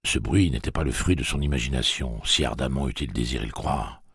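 A man reading a novel aloud as the narrator, in a steady, expressive way. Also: rumbling low, a little fast, gravelly, slightly rough, no echo, clean studio sound. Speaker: audiobook narrator. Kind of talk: scripted narration.

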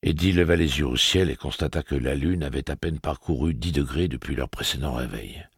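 A man reads a novel aloud in an extremely deep, gravelly voice with a husky, breathy grain. His delivery is steady and even. The recording is dry and close, with no room sound. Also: fairly quick, no echo. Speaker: audiobook narrator. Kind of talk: scripted narration.

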